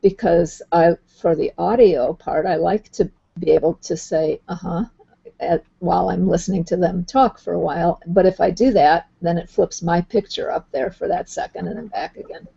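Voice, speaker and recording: A woman hosting a video call, patiently explaining how the software works and thinking aloud as she goes. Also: fairly low pitch, moderate pace, creaky, hardly any pauses, husky. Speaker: host. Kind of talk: casual explanatory chat. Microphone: computer mic on a video call. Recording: dull lo-fi online call audio.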